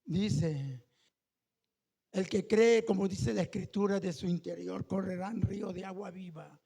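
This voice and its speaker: A man preaching a fervent sermon, at times shouting and calling the listeners brother. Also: high-pitched, measured pace, gravelly, slightly rough. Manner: intimate, addresses listeners as brother. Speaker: pastor.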